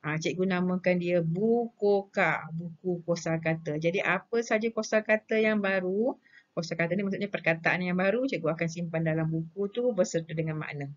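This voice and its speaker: A woman teacher with a Malaysian Malay accent talks through a grammar lesson at a measured pace. She sits a little low in her register, lists terms deliberately and answers her own prompts. The recording is dull and lo-fi. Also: steady tone.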